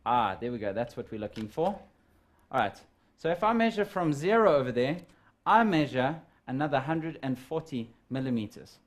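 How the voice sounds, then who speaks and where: A man of ordinary pitch teaches a live science lesson to students at home. He talks them through each step of a calculation in a casual, friendly classroom way. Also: lively intonation, moderate pace. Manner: step-by-step explaining, addresses students as guys.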